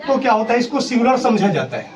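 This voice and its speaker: A man's voice: extremely high pitch, big pitch swings, quick pace, over music. A male school teacher teaching a grammar lesson. He explains step by step, asks questions and answers them himself, and spells words out letter by letter. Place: school classroom. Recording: distant classroom recording with clear background noise.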